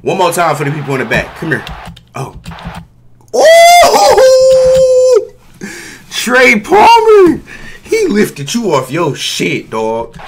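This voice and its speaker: A man reacting excitedly to football highlights, loud and full of profanity. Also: moderate pace, very noisy. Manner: loud, profane, animated hype. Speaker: fan reacting to game highlights.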